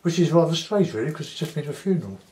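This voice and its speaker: A man in his sixties with a South London accent, giving an unhurried, casual commentary as he demonstrates painting, pausing and half talking to himself. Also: a little high, animated, darkish tone, slight background noise. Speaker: painting tutor. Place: small cluttered home studio, indoors.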